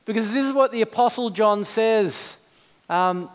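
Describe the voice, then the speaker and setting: A man preaching a sermon, earnest and building to fervent, slow emphasis on key words. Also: high voice. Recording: long hall reverb.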